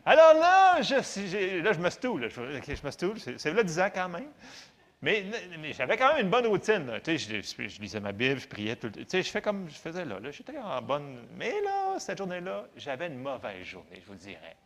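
Québécois man, lively testimony teller, slightly raised voice that swoops up and down, self-mocking. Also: fairly high pitch, brisk. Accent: Québécois French. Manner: animated, conversational, self-mocking. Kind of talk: storytelling testimony to an audience.

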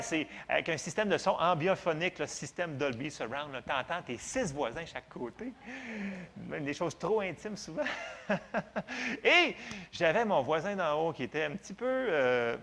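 A man with a Québécois French accent giving a faith testimony in an animated, conversational, self-mocking way. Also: on the high side. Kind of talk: storytelling testimony to an audience.

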